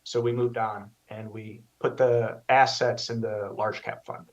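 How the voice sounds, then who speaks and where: A man's voice: lowish voice, flat delivery, unhurried. A man, an investment consultant, presents slides to a board over a remote call while his audio fades and drops out. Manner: explanatory, asks "right?" to check in. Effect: remote call audio fading and dropping out. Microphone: remote video call. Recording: dull lo-fi online call audio.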